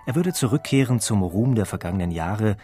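A man with a fairly low voice narrates a documentary script at a measured, even pace, staying steady and composed throughout. Faint classical music plays softly beneath him.

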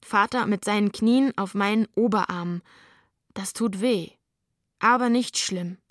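A woman's voice: mid-range voice, a little slow, no echo, clean studio sound, lightly acted. A woman narrating as a troubled young boy in a scripted radio drama, telling it plainly and matter-of-factly. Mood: quiet.

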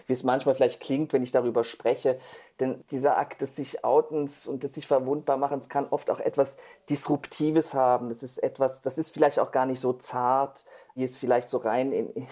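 Guy with a warm gravelly voice, thinking out loud in an interview, lots of pauses and restarts. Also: medium pitch. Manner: thoughtful, hesitant, with fillers and restarts. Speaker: interview guest, performer and author. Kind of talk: reflective interview answers.

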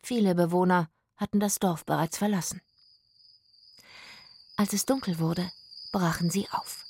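Eine Frau, die ruhig eine Kinderhörgeschichte vorliest. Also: female voice, fairly low pitch, a little slow, a little hiss or hum. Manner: calm, storytelling. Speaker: narrator. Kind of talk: children's audiobook narration.

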